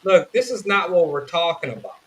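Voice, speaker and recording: A man with a slightly high voice debates on a livestream panel. He is argumentative and insistent, hammering the same phrases again and again. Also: expressive, a little fast, fairly bright tone. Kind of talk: casual debate.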